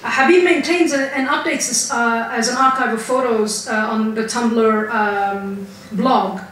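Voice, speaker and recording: A woman's voice: fairly high pitch, measured pace, a bit bright. Woman lecturing in a very echoey room. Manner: conversational, hesitant with fillers. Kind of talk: academic lecture. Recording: very echoey room, distant mic, faint hiss.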